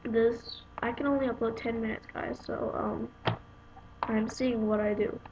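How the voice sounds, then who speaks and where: The dull, noisy lo-fi home video features a young adult woman vlogger reviewing a phone case as she unboxes it, rambling to viewers with exasperation. Her fairly high voice is level and creaky, and she speaks a little slowly.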